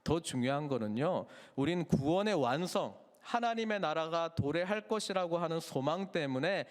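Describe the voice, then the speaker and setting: A man's voice: high-pitched, big-room sound. A male pastor preaching a sermon, putting rhetorical questions to the congregation. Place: church sanctuary.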